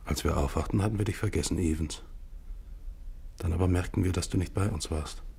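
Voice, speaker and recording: A grim, gravelly polar captain. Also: male voice, low-pitched, dark tone, exaggerated voice. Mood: somber. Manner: solemn, slow, psalm-like recital. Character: grim, exhausted male polar expedition captain. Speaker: expedition leader narrating. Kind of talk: 1950s radio play narration.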